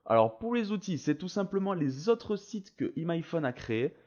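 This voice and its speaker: A man's voice: on the high side, sing-song, moderate pace, a little mellow, lo-fi sound. A man narrating a tutorial in a casual, slangy and enthusiastic way. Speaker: video creator presenting a voice-changer tool.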